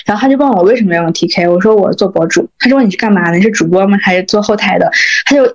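Fast-talking woman in casual chat. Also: mid-range voice. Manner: chatty storytelling with laughs. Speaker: podcast co-host. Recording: dull lo-fi audio.

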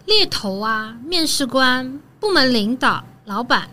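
Chatty higher-voiced woman podcast guest. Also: lively intonation, takes it slowly, pushed and bright. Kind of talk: casual podcast conversation.

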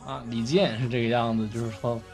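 A man with a Northeastern Chinese accent chatting casually as a podcast co-host, explaining in a halting way and often repeating his phrases. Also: medium pitch, little pitch movement, darkish tone, soft background music.

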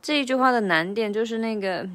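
A woman giving a casual English pronunciation lesson, explaining sounds patiently and repeating phrases slowly. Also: on the high side, dry recording.

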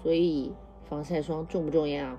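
A woman's voice: low voice, little pitch movement, moderate pace. A mother chatting at bedtime with her young daughter, teasing her playfully, laughing often and soothing her. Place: home at bedtime. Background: soft music she plays.

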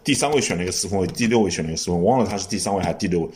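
A man hosting a casual sports podcast chat, giving long lively explanations with frequent restarts. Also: deep voice, rapid-fire. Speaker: podcast host.

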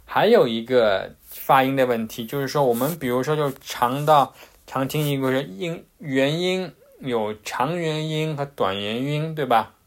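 A man's voice: mid-range voice, measured pace. A man teaching English pronunciation in a casual, patient way, with frequent fillers and restarts. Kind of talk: casual explanatory lesson.

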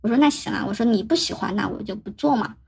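A young woman telling her own story on a podcast, halting and often repeating words as she recounts past conversations. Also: medium pitch, vocal fry, darkish tone, soft background music. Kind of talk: personal storytelling.

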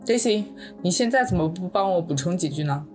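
A woman's voice: lowish voice, lively intonation, fairly quick, darkish tone, soft background music. A woman hosting a narrated podcast, speaking in a reflective, conversational way. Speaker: podcast host. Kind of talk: narrated podcast with scripted segments.

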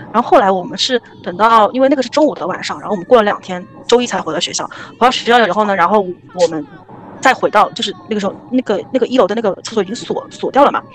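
A young woman casually telling a ghost story on a podcast, rambling and animated with many restarts. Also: mid-range voice.

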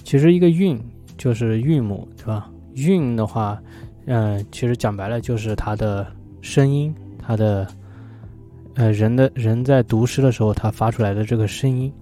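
Man, very dark mellow tone, hesitant thoughtful musing, faint music underneath. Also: medium pitch, moderate pace. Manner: thoughtful, hesitant, many fillers. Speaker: vlogger. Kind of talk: casual solo talk about poetry.

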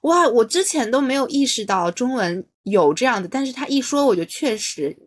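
A woman's voice: fairly high pitch, animated, normal speed. Hesitant woman thinking aloud. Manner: thinking aloud, hesitant, many fillers and restarts. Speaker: podcast co-host. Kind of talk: casual book-club chat.

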